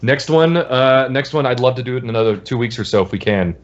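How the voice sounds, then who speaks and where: Animated and quick, this medium-pitched male game developer rambles and cracks jokes during casual podcast chatter. The recording is lo-fi and dull.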